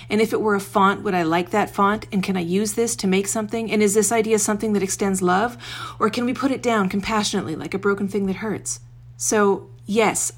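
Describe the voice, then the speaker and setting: A woman blogger with a wry, self-deprecating manner, speaking her own blog post as a homemade audio recording under a blanket in her bedroom. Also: medium pitch. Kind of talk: reading own blog post aloud, then informal remarks.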